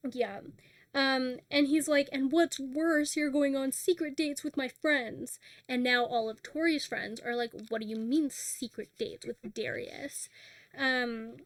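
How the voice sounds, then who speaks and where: A woman co-hosting a casual book recap, retelling scenes and quoting characters in a lively, rambling way with lots of fillers. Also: high voice, measured pace, no room sound, studio quality. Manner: animated retelling, acting out characters' lines with filler words. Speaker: podcast co-host recapping a book.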